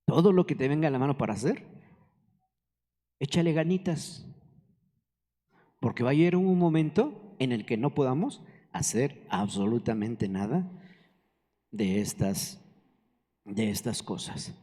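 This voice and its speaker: Older pastor preaching in a church hall. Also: male voice, mid-range voice, measured pace, pauses often, warm tone. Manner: conversational preaching with questions to the congregation. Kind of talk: sermon.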